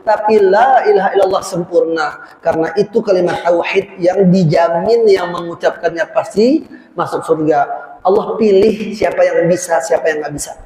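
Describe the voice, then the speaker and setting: A man preaching an Islamic sermon to a congregation in a prayer hall, speaking Indonesian with an Indonesian accent and lively outbursts and Arabic phrases. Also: high voice, moderate pace. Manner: lively, rising to exclamations, quoting Arabic phrases. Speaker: ustadz preacher. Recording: echoey hall, roomy reverb.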